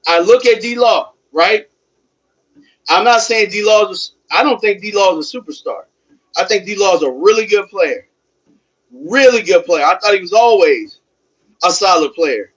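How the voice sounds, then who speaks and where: A man with a high-pitched voice talks through sports opinions as he exercises on a treadmill. He is casual and emphatic, leaning on repeated phrases and rhetorical questions like a livestream host. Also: a bit bright, lo-fi sound. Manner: talking while exercising on a treadmill.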